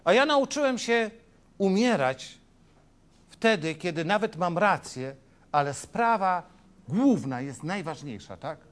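Man, middle-aged, pastor, sermon, emphatic, high voice, lively intonation. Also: takes it slowly. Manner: emphatic, asks the congregation "tak?" and "wiecie?".

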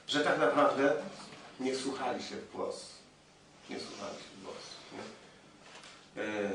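Lively preaching man in echoey hall. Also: medium pitch, slight background noise. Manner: animated storytelling, addressing the congregation. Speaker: pastor. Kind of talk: sermon. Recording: echoey hall, distant mic.

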